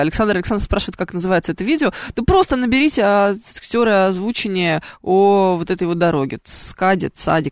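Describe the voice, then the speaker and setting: A woman's voice: lowish voice, no room sound, studio quality. A woman hosting a live call-in radio show, chatting playfully and reading listener messages. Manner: chatty, playful, thinks aloud with fillers. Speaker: radio traffic show host. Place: radio studio. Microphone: studio microphone.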